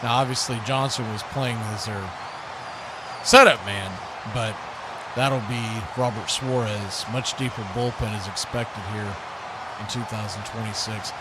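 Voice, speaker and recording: This radio play-by-play announcer calls a live football game in a folksy style, chatting with viewers between plays and getting excitable on the big ones. His voice is on the low side and a little slow. Background noise comes through clearly on the recording.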